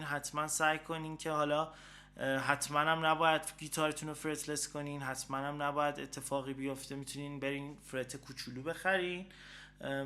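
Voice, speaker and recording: Bright high-voiced man giving a chatty guitar lesson. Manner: chatty and rambling, with frequent filler sounds; breaks off to play examples on the guitar. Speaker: guitar teacher and show host. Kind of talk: casual spoken guitar lesson.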